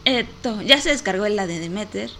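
A woman's voice: mid-range voice, lively intonation, normal speed, bright, forceful tone, slight background noise. A young woman hosting a casual online show, chatting and giggling to her viewers with a lot of "este" filler. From Mexico. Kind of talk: casual live-stream chat.

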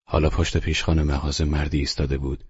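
A man with a husky voice reading a novel aloud in calm, measured scripted narration. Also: very deep voice. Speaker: audiobook narrator. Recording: dull lo-fi audiobook recording.

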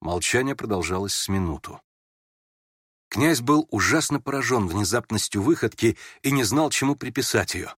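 A man narrating a classic novel in a measured, expressive storytelling manner. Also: medium pitch, husky, no room sound, clean studio sound. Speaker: audiobook narrator. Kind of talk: scripted literary narration.

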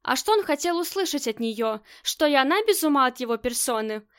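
A woman narrating a crime novel as an audiobook reader, in an even storytelling manner. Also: sits high, fairly quick, clear, resonant tone. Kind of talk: novel reading.

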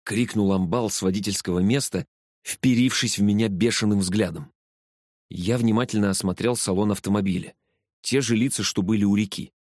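A man narrating a first-person story with a steady storytelling delivery. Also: fairly low pitch, normal speed, dry recording, clean studio sound. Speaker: audiobook narrator.

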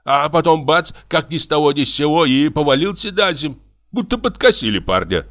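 A man's voice: on the high side, expressive, fairly quick, a bit bright, pitched above the performer's own voice. A man voicing a fussy, meddling old village woman in an audiobook, lamenting in a folksy drawl.

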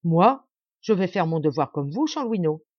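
A woman reading an earnest, impulsive young gentleman. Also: lowish voice, very animated, normal speed, breathy edge, dry recording, muffled recording. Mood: urgent.

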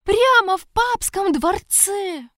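Breathless palace guard in a panic, read by a woman, loud and high, dry booth sound. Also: unhurried, no echo. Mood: alarmed. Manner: shouting.

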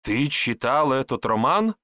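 A man voicing a nervous, evasive male herbalist who is secretly a disguised priest, speaking in hurried, flustered replies. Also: mid-range voice, big pitch swings, bright, forceful tone, no room sound, studio quality, pitched above the performer's own voice. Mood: eager.

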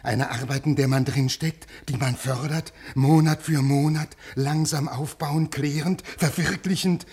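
Desperate man of fifty in classic radio play; pleading, voice rising, rough edge. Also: on the high side, fairly even intonation, measured pace, few pauses. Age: 50s. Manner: pleading, swinging from quiet to raised. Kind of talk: classic radio drama acting.

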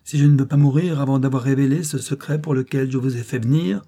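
A man reading the part of a dying man who speaks gruffly and forcefully, louder and higher than his narration. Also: fairly even intonation, fast talker, natural voice. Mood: bitter.

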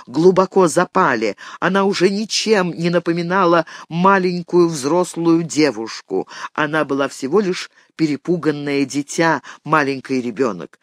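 A man reading a first-person audiobook in a measured, tense storytelling voice. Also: on the high side, no room sound, studio quality. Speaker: audiobook narrator.

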